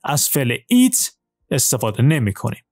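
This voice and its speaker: A male English teacher giving a lesson, explaining quickly in Persian and reading English examples slowly and carefully. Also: medium pitch, very animated, slightly rough, dry recording, studio quality. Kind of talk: language lesson, switching between Persian and slow English.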